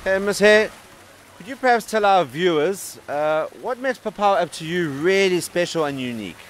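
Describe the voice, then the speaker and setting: A man's voice: high voice, expressive, fairly quick, a little hiss or hum. Upbeat man hosting a food show. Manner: upbeat, exclaims over food. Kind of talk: enthusiastic on-camera presenting. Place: outdoor restaurant terrace at night. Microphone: handheld microphone.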